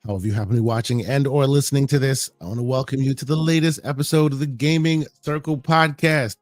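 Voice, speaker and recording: A hoarse, sick man hosts a casual podcast, often restarting his words and greeting his listeners. His voice sits at an ordinary male pitch, and the sound is dry and close, with faint music underneath. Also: steady tone, no echo. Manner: halting, repeats words, friendly shout-outs. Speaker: podcast host.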